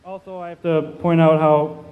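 A man in his twenties giving an informal wedding toast from notes in a halting, nervous way, with hesitations and broken-off phrases. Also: fairly high pitch, little pitch movement, narrow, tinny audio, some chatter behind. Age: 20s. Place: indoor wedding reception with seated guests. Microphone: microphone on a stand, sometimes handheld. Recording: background noise in reception hall.

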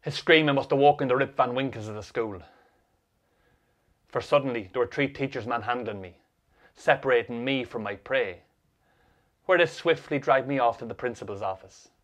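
A man's voice: mid-range voice, moderate pace, pauses often, a bit bright. An Irish man giving a wry, profane voice-over narration for a short film.

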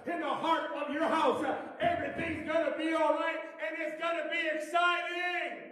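Middle-aged pastor, high ringing voice, fiery revival preaching, heard from afar in a booming sanctuary. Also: male voice, level tone, normal speed, some chatter behind. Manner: preaching with rising shouts and playful asides. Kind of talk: revival sermon. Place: church sanctuary, preaching from a pulpit. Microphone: far camera at the back of the sanctuary. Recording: echoey church from far off.

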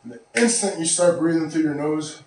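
A man's voice: a little high, animated, brisk, recorded from a distance, background noise. Breathless man in an echoey room. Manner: rambling, breathless after lifting, clears throat often. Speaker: fitness vlogger. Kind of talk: casual talk to camera. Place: small home gym room. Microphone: far camera.

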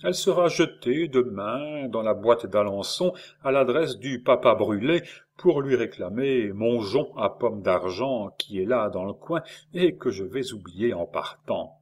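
A booming, theatrical salesman full of schemes, as a man reads him aloud. His voice leaps high and sinks again in lively swings, delivered unhurried and a little husky, like a storybook rogue. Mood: boisterous, wheedling. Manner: loud, theatrical and jovial. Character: boisterous scheming middle-aged male traveling salesman.

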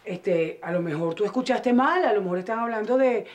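Playing Clara's worried mother in a telenovela, a Venezuelan-accented actress begs anxiously for caution about gossip, faltering and repeating words to stall. Her medium-pitched, darkish voice is expressive, brisk and natural, though the audio is dull.

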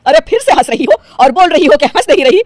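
Woman voicing cartoon mother-in-law: loud, scolding, exasperated. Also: high voice, expressive, fast, heavy background noise, voice pushed up. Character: scolding middle-aged mother-in-law, easily offended.

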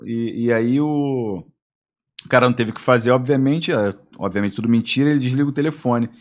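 A man's voice: medium pitch, fairly quick. A man with a Brazilian accent telling anecdotes as a podcast guest, acting out the voices in his stories. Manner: animated, acts out voices in anecdotes. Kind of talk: casual storytelling.

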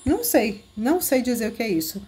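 Gushing and giggling as she coos at cute things, a Brazilian-accented woman with a Brazilian Portuguese accent hosts an excited game walkthrough video. Her fairly high voice is warm with a breathy edge, lively in intonation and brisk in pace.

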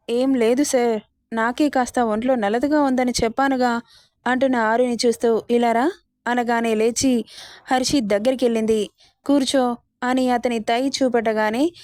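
A woman narrating a romance serial, reading all the dialogue herself in an even storytelling manner. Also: fairly high pitch, dry recording, clean studio sound.

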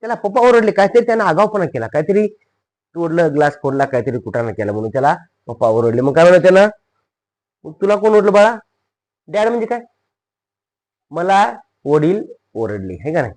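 Lively man teaching English. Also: a little high, poor audio. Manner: repeats phrases slowly, lively. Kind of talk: spoken English lesson.

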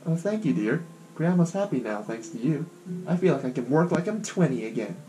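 A man voicing a kindly old grandmother who runs a shop in a game, speaking slowly and softly. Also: a little high, lively intonation, close to an everyday voice. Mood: gentle. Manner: slow, soft old-lady delivery. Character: kindly old grandma shopkeeper, gentle and homely. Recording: guitar music playing behind.

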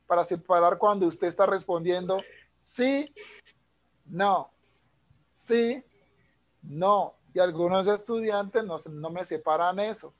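High-voiced man teaching online. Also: slow, pauses often. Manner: patient, explanatory, mixes English examples. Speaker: English teacher. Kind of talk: online class explanation. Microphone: video call.

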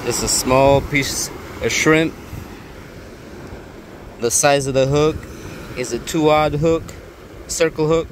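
A man in his thirties giving casual, excited commentary while fishing on a beach, filmed on a phone. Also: a little high, takes it slowly, pauses often, background noise. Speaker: fishing vlogger. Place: outdoors on a windy beach, later in a car.

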